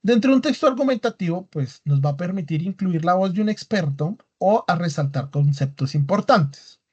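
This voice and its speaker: A man's voice: high voice, animated, moderate pace, darkish tone, breathy edge. A man teaching an online class on writing, explaining step by step and checking in with his students with constant tag questions. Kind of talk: recorded online class lecture. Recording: dull lo-fi class recording.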